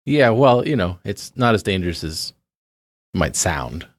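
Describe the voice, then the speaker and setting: A man's voice: deep voice, very animated, normal speed, no room sound, voice pushed down. A man improvising a hesitant, laid-back local guide. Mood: casual. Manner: hesitant, full of ums. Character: easygoing man offering to meet at a landmark.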